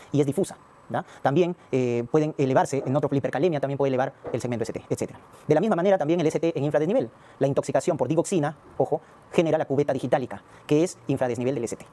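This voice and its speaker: A man's voice: medium pitch, mellow, a little hiss or hum. A man giving a recorded medical lecture, explaining step by step and often asking rhetorical questions and checking in with his students.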